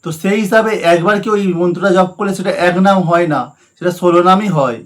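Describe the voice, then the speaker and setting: Brisk, high-voiced male creator giving a rebuttal to camera. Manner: addresses viewers directly, counts things out. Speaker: religious video creator. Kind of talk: rebuttal video addressing viewers.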